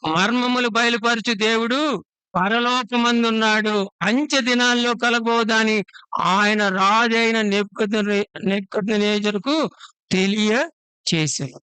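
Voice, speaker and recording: High, bright-voiced preacher man. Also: fairly even intonation, smooth, dry recording. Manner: asks the congregation repeated rhetorical questions; switches between slow drawn-out phrases and quick runs. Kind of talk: sermon. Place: church.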